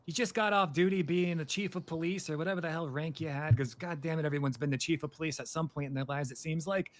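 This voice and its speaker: A man with a notably high-pitched voice guiding a game roleplay as an interviewer. He talks in a loose, rambling, chatty way and throws himself into goofy comic bits. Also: fast. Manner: chatty, rambling, slips into panicky comic yelping. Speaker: interviewer running a roleplay scenario.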